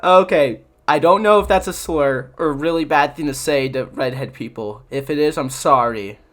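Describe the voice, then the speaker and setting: A man's voice: a little high, normal speed, fairly bright tone. A young man, a video creator, reading aloud and reacting in casual commentary, laughing often, swearing and sounding exasperated.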